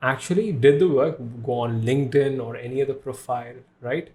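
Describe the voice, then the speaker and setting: A man hosting a relaxed podcast chat, with an English accent that blends Indian and Western sounds. He talks in loose, self-deprecating runs, repeating words and laughing at his own jokes. His voice sits at an ordinary middle pitch. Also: fairly quick. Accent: mix of Indian and Western English. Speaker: podcast host.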